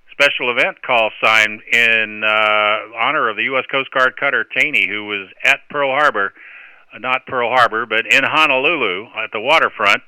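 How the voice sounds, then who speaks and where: Super clear dry-sounding guy doing marine radio style net control, call signs and procedure, really bright voice. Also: medium pitch, dry recording, rough recording. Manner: procedural, courteous radio talk.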